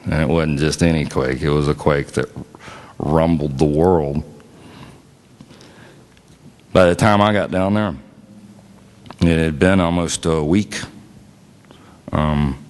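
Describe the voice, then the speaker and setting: An invited speaker and musician with a low-pitched voice tells a personal story to an audience in a large hall. His storytelling is casual and plainspoken, with frequent fillers.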